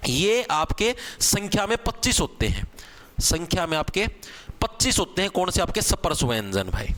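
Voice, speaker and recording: A man teaching an exam-prep grammar class, casual, asking questions and answering them himself, sounding out letters slowly. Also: sits high, sing-song, fairly bright tone. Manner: spells out sounds slowly, one at a time. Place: online class video.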